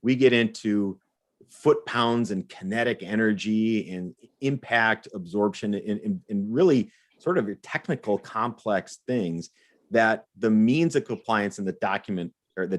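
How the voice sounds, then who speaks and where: A man with a fairly low voice co-hosts a live Q&A and walks viewers through the rules. He explains things methodically and often stumbles over a repeated word before getting his point out. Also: measured pace. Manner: explanatory, repeats words when restarting. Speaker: co-host.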